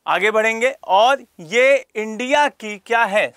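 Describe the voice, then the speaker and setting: High-voiced male teacher quizzing his class. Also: animated, slow, fairly bright tone, clear, resonant tone, no echo. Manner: asks students rhetorical questions and calls on them by name. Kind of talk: classroom lecture for exam prep.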